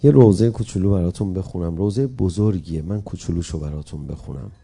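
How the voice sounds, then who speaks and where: A man's voice: sits low, gravelly, mellow, breathy edge. A male preacher giving an emphatic sermon, speaking directly to his congregation and moving into a mourning recitation.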